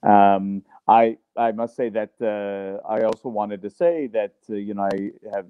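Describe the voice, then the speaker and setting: A man hosting an interview show, introducing his guest and posing long questions, halting with many "uh" and "um" fillers. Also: on the low side, clean tone. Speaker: show host. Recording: dull, dry lo-fi sound.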